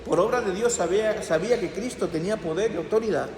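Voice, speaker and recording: A man preaching a sermon as pastor, earnest, sinking to hushed prayer tones and rising to stress his points. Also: sits high, fast, a little hiss or hum. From Spain. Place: church hall. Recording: echoey church hall, slightly distant.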